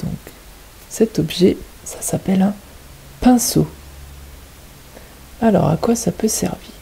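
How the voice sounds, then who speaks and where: A woman's voice: mid-range voice, slow pace, gravelly, mellow, breathy edge, poor audio. A woman teaching kindergarten children, patiently stressing each word and syllable. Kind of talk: teaching young children at home.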